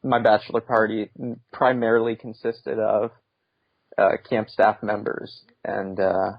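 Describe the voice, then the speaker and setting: A man as a podcast guest, talking in a casual, hesitant way with many pauses and fillers. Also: fairly low pitch, fairly even intonation, vocal fry, no echo, highs cut off. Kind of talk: casual conversation.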